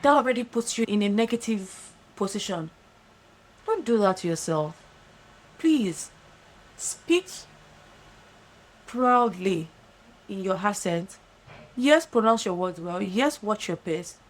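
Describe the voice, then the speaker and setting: A woman with a Nigerian accent hosting a podcast, talking in an animated, emphatic and pleading way. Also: mid-range voice, unhurried. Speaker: podcast host. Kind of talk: casual monologue.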